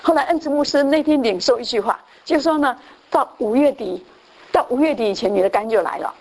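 Her voice sits high, a little mellow, with lively intonation and a fairly quick pace. Preaching, the woman recounts her testimony as a sermon narrative, restarting and repeating often, dropping in English phrases and acting out quoted speakers now and then.

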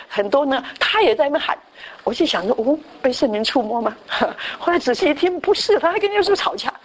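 A woman preacher delivering a conversational sermon that tells a story, with frequent restarts and tag questions. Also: high-pitched.

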